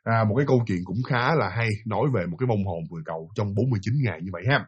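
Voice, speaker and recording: A man's voice: on the low side, very fast, breathy edge, muffled recording. A man with a Southern Vietnamese accent telling a ghost story casually, talking straight to his listeners. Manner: chatty, addresses listeners directly.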